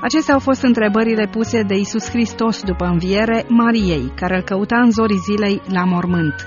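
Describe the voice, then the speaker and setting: A man with a notably high voice briskly reading a formal introduction for a religious radio program. The sound is a little muffled, with faint music underneath. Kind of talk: scripted broadcast introduction. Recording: slightly dull radio recording with faint music.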